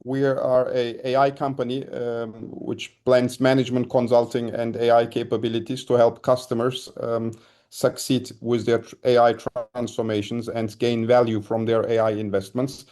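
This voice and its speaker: A man, speaking as a podcast guest in a measured way with frequent ums. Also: mid-range voice, little pitch movement, warm tone. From Germany. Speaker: guest, company co-founder. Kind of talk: podcast interview.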